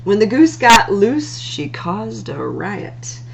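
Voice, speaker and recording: This storytime host at a library brings rhyming picture books to life, singing her lines and elongating words. She has a wide-ranging pitch and a gravelly, creaky quality. A slight hum and a bit of noise can be heard in the background.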